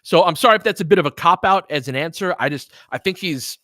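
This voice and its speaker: Speaking fast and expressively in a fairly high, fairly bright voice, a sports podcast host and live play-by-play commentator chats casually with listeners on his stream. His analysis comes across as thoughtful, somewhat hesitant and conversational, recorded cleanly in a studio with no room sound.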